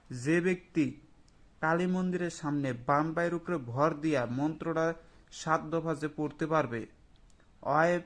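A man, a spiritual healer who speaks directly to listeners and recites a long mantra slowly and carefully. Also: fairly high pitch, fairly bright tone. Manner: slow measured chanting of verses; talks directly to viewers, earnest. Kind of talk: religious talk and mantra recitation.

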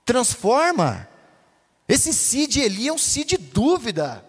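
Male preacher, Brazilian Portuguese accent, high-pitched, fervent chanting delivery, long church reverb. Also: very animated, normal speed, breathy edge. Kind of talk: pentecostal sermon. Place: church hall.

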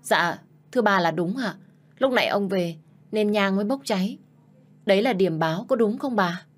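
A woman's voice: mid-range voice, animated, normal speed, lightly acted. A woman voicing a caring, polite housemaid. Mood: concerned. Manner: polite and soothing. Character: caring, anxious female housemaid.

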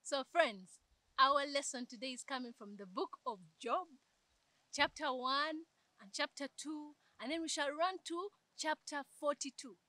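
A young woman teaching a children's Bible lesson outdoors, telling the story lively and expressively. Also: sits high, unhurried, no echo. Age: young adult. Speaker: Sunday school teacher. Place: outdoors in a garden.

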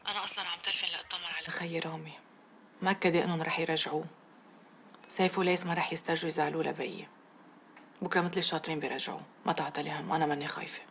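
A defiant, fast-talking young wife. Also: female voice, low voice, fairly even intonation, slight background noise. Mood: tender. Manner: defiant, then soft and whispery on the phone. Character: defiant young woman, newly married. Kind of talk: TV drama acting.

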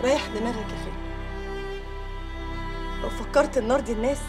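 An actress with an Egyptian accent playing a divorced woman who pours out a bitter, rapid complaint in a TV drama. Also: a little high, over music, lightly acted. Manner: bitter, fast, pleading monologue. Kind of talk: TV drama dialogue.

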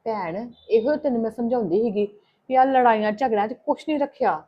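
A woman's voice: fairly high pitch, fairly quick, muffled recording. A woman playing a visiting sister in a scripted family drama, talking in an earnest, advising way.

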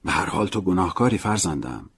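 A man voicing a gentle, earnest male prison priest in an audiobook, speaking softly and in a paternal way. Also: deep voice, very animated, breathy edge, full character voice.

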